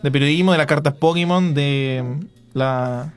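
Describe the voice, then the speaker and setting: A man's voice: fairly high pitch, a little slow, clean tone. A man with a Chilean Spanish accent co-hosting a radio call-in show, teasing a caller with crude jokes. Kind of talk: casual joking chat with callers.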